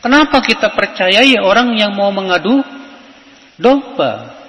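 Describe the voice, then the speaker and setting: A man preaching a sermon in an animated way, often asking the listeners rhetorical questions. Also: sits high, measured pace. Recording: muffled hall recording with long reverb.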